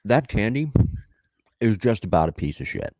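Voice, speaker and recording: A man's voice: on the low side, big pitch swings, moderate pace, a little mellow, no echo, studio quality. A middle-aged man co-hosting a podcast, bantering and joking crudely. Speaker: podcast co-host. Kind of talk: casual podcast chat.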